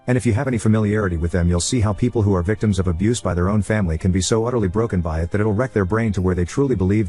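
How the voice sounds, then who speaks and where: A man narrating online stories aloud in a brisk, steady delivery. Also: lowish voice.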